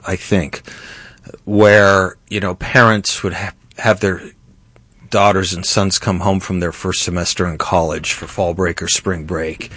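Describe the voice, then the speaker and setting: A middle-aged male talk show host with a fairly low voice, delivering political commentary with emphatic, sometimes indignant energy. The sound is dry and close, with no room around it. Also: fairly bright tone, dry recording. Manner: emphatic, rising to indignant outbursts.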